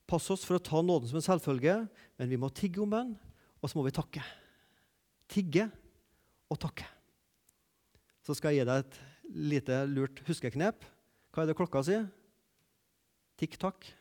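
A man preaching a sermon, emphatic, repeating key phrases and swinging between loud declarations and quiet asides. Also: a little high, animated, long pauses. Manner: emphatic, repeats key phrases, rises and drops sharply in loudness.

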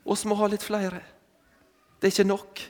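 A man's voice: high-pitched, completely flat delivery, darkish tone. A man preaching an interactive sermon with props, calling volunteers forward and coaxing them with short repeated commands. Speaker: preacher leading an object lesson with volunteers. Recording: long hall reverb.

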